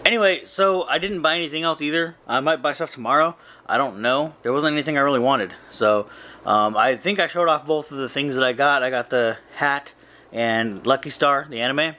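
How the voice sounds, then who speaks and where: A man in his thirties, vlogging casually in a small hotel room late at night, talking slowly and rambling with lots of fillers because he is very tired. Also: mid-range voice, pushed and bright. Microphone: handheld camera close to face.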